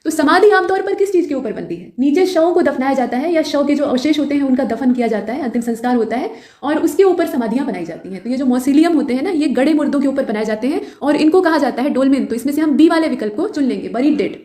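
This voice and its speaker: She speaks fast and expressively, her voice sitting high with a dark tone, while teaching exam questions in an explanatory way. Against a roomy echo, she blends English terms into the quiz lesson and repeats points in English and Hindi.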